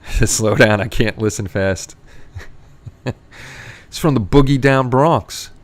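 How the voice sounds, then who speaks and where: A man's voice: medium pitch, slow pace. A middle-aged man with a Queens New York accent chats casually as a livestream host, rambling along and repeating his phrases. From Queens, New York City, USA. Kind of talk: casual chat, reading and answering live chat.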